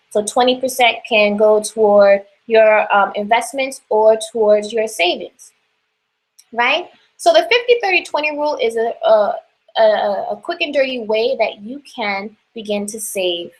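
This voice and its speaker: A woman's voice: on the high side, rough recording. A young woman with a New York accent giving casual personal finance advice, chatty with lots of fillers and restarts.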